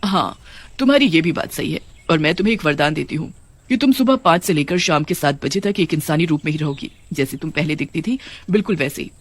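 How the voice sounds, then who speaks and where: A woman voicing a calm, regal queen of witches in a cartoon horror story, who speaks graciously and grants favours. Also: deep voice, brisk, no room sound.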